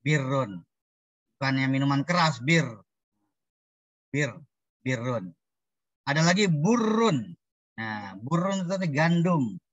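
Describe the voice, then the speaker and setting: A man's voice: medium pitch, lively intonation, takes it slowly, long pauses, fairly bright tone, no echo, dull audio. A male lecturer teaching an online class, explaining step by step with lots of repetition and playful wordplay over video call audio. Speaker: Islamic studies lecturer.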